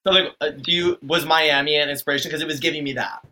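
A man's voice: on the high side, steady tone, fast, bright, forceful tone. A man who is a drag queen, talking as a podcast guest in a rambling, slang-heavy way. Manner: rambling and slangy, full of "like" and "it's giving". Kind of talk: casual interview chat.

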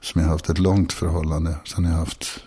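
A man in his sixties talking frankly and confessionally, halting often and restarting his sentences. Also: a bass voice, level tone, mellow, slightly rough. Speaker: guest. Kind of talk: candid personal conversation.

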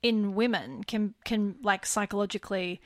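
A woman with a creaky, fry-heavy voice talks casually as a podcast co-host. Her delivery is laid-back and mellow, never peppy. The sound is dry and close, with no room around it. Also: moderate pace, no echo. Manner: mellow, low-key and relaxed. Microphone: desk microphone.

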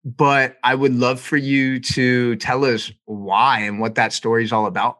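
A man's voice: mid-range voice, level tone, unhurried, a bit bright. A man hosting a podcast, talking with upbeat, motivational energy. His voice sits in an ordinary middle register. He sounds like he is rallying his listeners. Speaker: podcast host. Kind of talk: podcast intro and interview.

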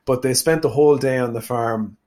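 A man's voice: mid-range voice, fairly quick, darkish tone. A man with a west of Ireland accent speaking conversationally as an interview guest, thoughtful and often rephrasing himself. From Sligo, west of Ireland. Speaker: podcast guest, performance nutritionist.

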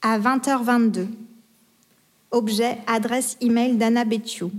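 A woman reading out email dates and subject lines in a flat, matter-of-fact way. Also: a little high, measured pace. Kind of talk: announcing email headers.

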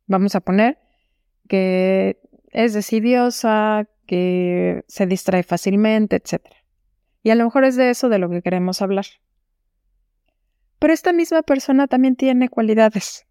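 A woman hosting a solo advice podcast. She explains calmly and speaks directly to the listener. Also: medium pitch, a little slow, clear, resonant tone, no room sound, studio quality. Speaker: podcast host.

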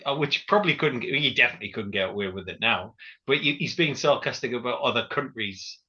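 A man's voice: mid-range voice, animated, fast talker, sharp tone. A man co-hosting a casual podcast chat, teasing his co-host and swearing freely. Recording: dull lo-fi sound.

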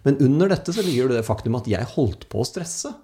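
A man tells casual anecdotes as a speaker, animated and acting out the people he quotes. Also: mid-range voice, slight background noise. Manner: animated storyteller, acts out quoted voices. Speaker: speaker telling stories.

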